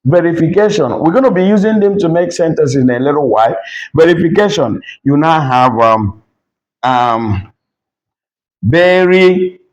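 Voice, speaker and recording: A man teaching a language lesson at a board, repeating each word slowly to drill it. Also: on the high side, lively intonation, darkish tone, lo-fi sound.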